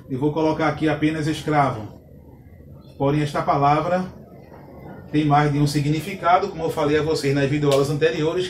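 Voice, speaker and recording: A man's voice: fairly high pitch, slight background noise. A man teaching a Hebrew lesson at a whiteboard, explaining patiently and checking in with his students often. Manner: patient, explanatory, frequent "tá ok, pessoal?". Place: classroom with a whiteboard. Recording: echoey room, mic at a distance, faint ambience.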